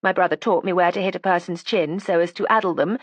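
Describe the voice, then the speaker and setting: A woman's voice: lowish voice, steady tone, quick pace, no echo, close to an everyday voice. A woman reading an audiobook, voicing a resentful, defiant young woman with a sarcastic, combative edge. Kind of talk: audiobook character voice.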